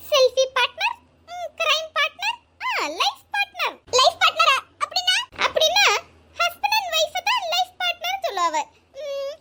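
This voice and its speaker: Squeaky village woman. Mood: teasing. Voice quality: squeaky, chipmunk-like high voice. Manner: bickering, teasing comic banter. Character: young Tamil village woman, squeaky and quick-tempered. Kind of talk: village comedy sketch. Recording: hissy background noise.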